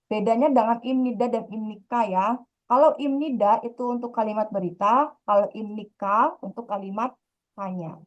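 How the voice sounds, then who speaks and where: A woman teaching a grammar lesson, explaining patiently and repeating her points. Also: a little high. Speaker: Korean language teacher. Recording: dull lo-fi sound.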